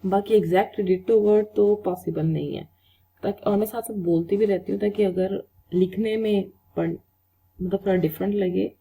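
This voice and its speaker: A woman teaching French in a casual spoken lesson, explaining slowly and repeating each word for pronunciation. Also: fairly low pitch, creaky, dark tone, husky.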